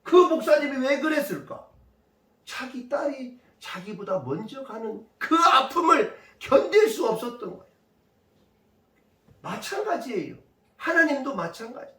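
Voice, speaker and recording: A male pastor preaching emphatically, firing rhetorical questions at his congregation. His voice is very high and swings widely, and it rings through a roomy church from a distance. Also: very animated, measured pace, pushed and bright. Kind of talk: sermon. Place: church sanctuary.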